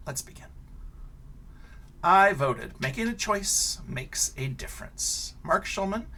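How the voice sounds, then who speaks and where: A male teacher reads a children's picture book aloud, asking expressive questions and dropping casual asides for young listeners. There's slight background noise.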